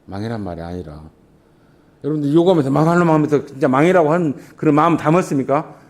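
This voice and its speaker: A man's voice: expressive, quick pace, darkish tone. A middle-aged male pastor preaching a sermon in a church, emphatic and full of rhetorical questions. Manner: emphatic preaching with big swings in pitch and volume. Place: church sanctuary.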